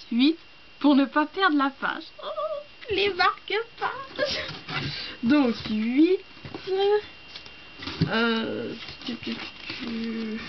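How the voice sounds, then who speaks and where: A young woman from France with a fairly high voice, talking through an unboxing in an excitable, gushing way with plenty of hesitant fillers. The sound is dull and lo-fi, with a faint hiss underneath. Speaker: book vlogger. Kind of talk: casual unboxing chat.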